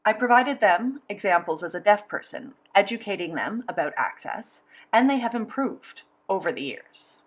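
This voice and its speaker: This is a mid-range female voice interpreting a sign language interview, rendered in first person at a measured, steady pace.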